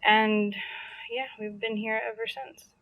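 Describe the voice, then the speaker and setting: A young adult woman from New York City chats casually as a guest in a podcast interview, filling her talk with "like" and restarts. Her voice is on the high side with a flat, measured delivery, and the dry recording sounds narrow and tinny.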